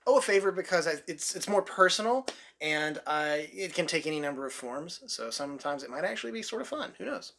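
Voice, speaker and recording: A man's voice: fairly high pitch, animated, fairly quick, creaky, noisy background. A man answering would-you-rather questions at home with his wife, slipping in dry joking quips. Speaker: co-host, husband. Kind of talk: casual couple Q&A.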